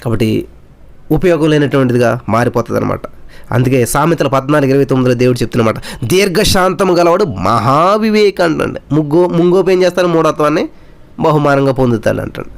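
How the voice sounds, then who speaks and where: A man's voice: a little high, animated, brisk, gravelly. A man preaching a sermon with emphatic rhetorical questions, mixing English words into his speech.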